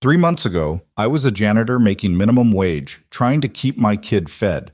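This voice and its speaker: A man's voice: on the low side, big pitch swings, normal speed, a little mellow, no echo, studio quality. A man voicing a determined single father turned company boss, speaking firmly.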